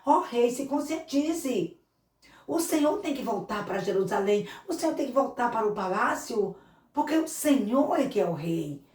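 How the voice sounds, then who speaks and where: A woman's voice: fairly high pitch, animated, normal speed, darkish tone, pitched above the performer's own voice, lightly acted. A woman voicing a stern, impatient male army captain in a Bible story for children, speaking brusquely and urgently. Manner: brusque, then urgently pleading. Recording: echoey room, mic far off.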